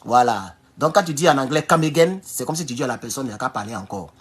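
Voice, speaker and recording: A man's voice: mid-range voice, quick pace, breathy edge. A man from Burkina Faso with a West African French accent, giving casual, emphatic political commentary to his viewers and often stumbling over restarts. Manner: animated, emphatic, with repeated restarts and addresses to "chers camarades".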